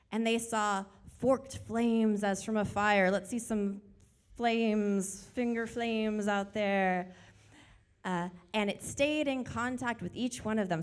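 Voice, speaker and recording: A woman preacher telling a story to a congregation of all ages, inviting them to join in. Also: fairly high pitch. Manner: animated, calls for audience participation. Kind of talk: interactive children's sermon storytelling. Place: church sanctuary.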